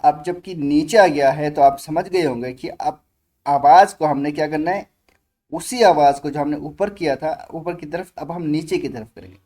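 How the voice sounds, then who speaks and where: A man teaching Quran reading, calling out letter sounds slowly and stretching each one for learners to repeat. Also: on the high side. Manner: asks learners to repeat loudly after him. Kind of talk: slow drilled recitation lesson.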